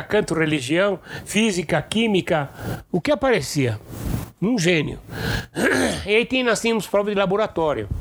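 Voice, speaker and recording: A man's voice: on the high side, gravelly, a little hiss or hum. An older man casually telling bawdy school stories to his son, acting out the voices of the people in them. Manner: animated, bawdy, acts out voices in anecdotes. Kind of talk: casual storytelling.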